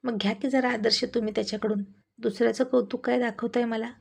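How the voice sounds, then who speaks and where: A woman voicing a quarrelsome wife who scolds her husband with sarcastic retorts, in a gravelly, husky voice. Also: fairly high pitch, flat delivery, quick pace, exaggerated voice. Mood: mocking. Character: sharp-tongued quarrelsome wife, adult woman.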